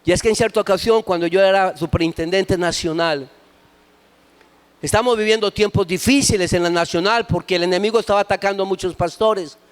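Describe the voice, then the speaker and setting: A middle-aged man, preaching a sermon as pastor with impassioned storytelling that rises at times to shouts. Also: high-pitched, a little fast, clear, resonant tone.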